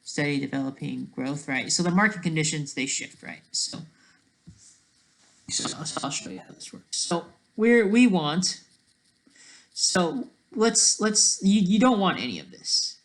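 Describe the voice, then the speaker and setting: A medium-pitched, expressive, gravelly voice, captured in a rough recording, gives rambling, spontaneous commentary. The speaker is sarcastic and halting, restarting mid-thought and frequently checking in with a questioning tag.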